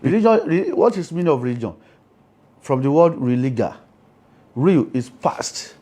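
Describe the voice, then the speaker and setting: A Yoruba-accented Nigerian man, interviewed as an Ifa priest, speaks at a moderate pace in a fairly high, sing-song, warm voice. He explains things emphatically and often checks that he's being understood.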